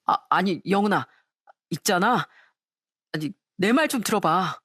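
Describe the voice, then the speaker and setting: A woman's voice: fairly low pitch, lively intonation, unhurried, a bit bright, husky, no echo, studio quality, full character voice. A woman voicing a deceitful young male fiancé who stammers out excuses. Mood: flustered. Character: deceitful two-timing young fiancé, man.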